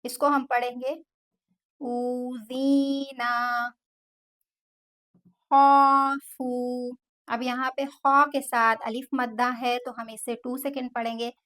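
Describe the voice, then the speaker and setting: A woman's voice: a little high, sharp tone. A woman teaching Quran recitation who spells out each letter and then draws out each long vowel. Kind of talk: slow step-by-step tajweed lesson.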